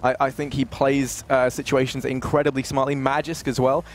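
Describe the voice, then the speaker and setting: A man's voice: medium pitch, little pitch movement, normal speed, a little hiss or hum. A man giving wordy, enthusiastic esports analysis in a casual broadcast chat.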